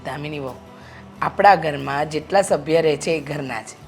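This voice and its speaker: A woman's voice: sits low, moderate pace, vocal fry, soft background music. A woman playing a lecturing mother-in-law. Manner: reassuring, lecturing. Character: mother-in-law calmly lecturing her daughter-in-law. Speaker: actor in a web drama.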